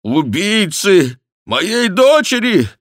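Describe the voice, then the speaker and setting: A man's voice: fairly low pitch, takes it slowly, dry recording, clean studio sound. A man reading the part of an old baron maddened by grief for his daughter, in wailing, accusing outbursts. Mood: anguished. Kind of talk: audiobook character reading.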